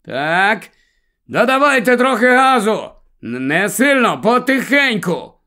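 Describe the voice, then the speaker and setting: Male narrator plays a hearty, bossy stranger shouting orders; high and loud. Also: expressive, unhurried, heavily acted. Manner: brash, jovial, shouting orders. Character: loud, overly hearty grown man pushing a car.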